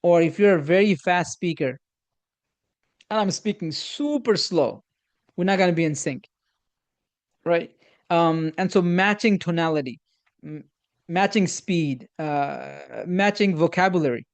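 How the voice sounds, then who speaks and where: Man, slightly high voice, halting lecture, lots of restarts and fillers, religious phrases, acts out dialogue. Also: vocal fry. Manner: halting, many repeated starts and fillers; uses Islamic religious phrases and Arabic quotes. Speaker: instructor on communication. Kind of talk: informal workshop lecture.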